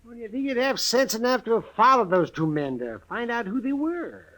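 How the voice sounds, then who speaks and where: Crusty, high-pitched old frontier doctor. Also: male voice, big pitch swings, a little fast, bright, forceful tone, full character voice. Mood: skeptical, testy. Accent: American. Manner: querulous, grumbling, folksy. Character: crusty, grumbling older male frontier town doctor. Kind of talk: old-time radio western acting.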